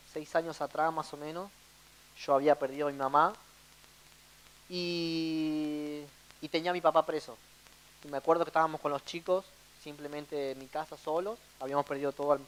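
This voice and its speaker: A man's voice: on the high side, poor audio. A young Argentine man with a Rioplatense accent, preaching and sharing his own testimony from the pulpit. He talks earnestly and directly to the congregation and circles back to repeat his key phrases. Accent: Rioplatense Spanish. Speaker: church speaker giving testimony. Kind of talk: sermon testimony.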